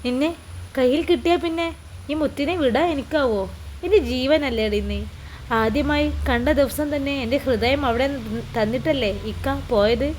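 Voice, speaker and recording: A woman's voice: high voice, moderate pace, darkish tone, a little hiss or hum, close to an everyday voice. A woman voicing a young husband who coaxes and teases his new wife affectionately in a read-aloud story. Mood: tender teasing. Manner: coaxing, affectionate. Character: young husband, tender and teasing.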